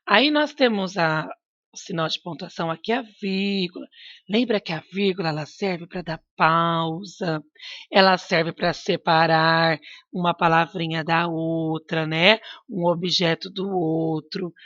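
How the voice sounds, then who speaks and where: A woman's voice: on the low side, unhurried, a bit bright, no echo, highs cut off. A woman teacher giving a recorded lesson to young pupils, patient and coaxing, asking them questions and repeating her prompts. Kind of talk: recorded remote class lesson.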